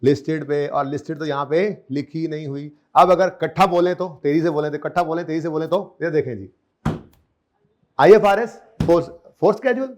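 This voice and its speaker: A man lectures a class on accounting, drilling key terms through constant repetition and quizzing his students. His voice is a little high and steady, the pace a little fast with few pauses.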